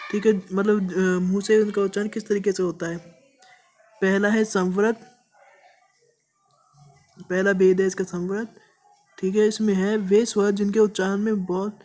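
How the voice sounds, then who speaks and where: In a medium-pitched, dark voice, this woman walks through a grammar lesson one step at a time. She stretches out vowel sounds to illustrate them and keeps repeating points with frequent "ठीक है" (okay) check-ins.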